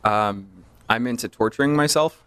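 A man chatting as a podcast guest, relaxed and self-deprecating as he tells stories. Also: medium pitch, normal speed, smooth, no echo. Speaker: guest, audio manufacturer rep. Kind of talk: casual podcast chat.

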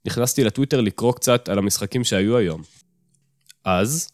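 A man's voice: mid-range voice, darkish tone, dry recording, clean studio sound. A man narrating a first-person story in a wry, self-mocking tone.

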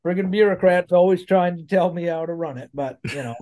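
A man's voice: high-pitched, a little fast, darkish tone, lightly acted. A man voicing a blustering rural boss who owns a mud truck, talking in a folksy, rambling way. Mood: boastful. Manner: folksy, rambling, cheerfully crude.

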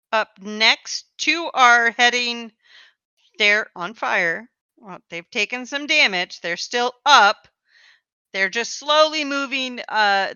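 A woman's voice: on the high side, bright, forceful tone, clean tone, dry recording, highs cut off. A woman speaking as game master, casually narrating a tabletop game.

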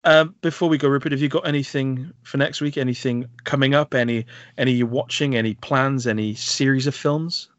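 Brisk and steady in tone, this mid-range male voice belongs to a film podcast co-host from Wales with a Welsh accent. He talks casually, hesitating and leaning on fillers, and the lo-fi audio has no room sound.

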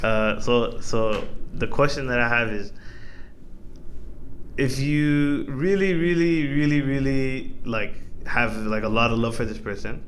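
A man chatting casually, hesitant, with drawn-out and repeated phrasing. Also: mid-range voice, fairly bright tone, slight background noise. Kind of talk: casual chat.

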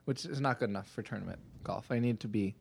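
A man hosting a podcast, telling a golf story in animated casual chat and acting out his own thoughts. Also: fairly low pitch, quick pace, creaky, slightly rough. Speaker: podcast host, golfer.

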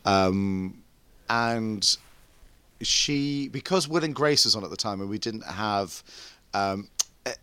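A man's voice: lowish voice, animated, slow pace, long pauses, a bit bright, clean tone, no room sound. A middle-aged British man hosting a casual chat, gushing and rambling through what he says. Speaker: host.

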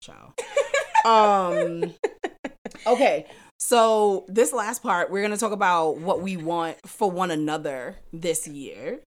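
A woman in her forties, a mother co-hosting a casual chat podcast with her daughter, teasing and unhurried. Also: on the low side.

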